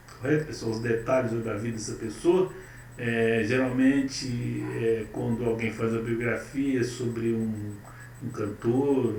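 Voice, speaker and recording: A man's voice: medium pitch, darkish tone. A man teaching a grammar lesson, repeating words and checking in with his students. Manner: slow, emphatic, repeats words and asks "certo?". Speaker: Portuguese teacher. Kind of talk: classroom lesson. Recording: echoey, distant mic with faint noise.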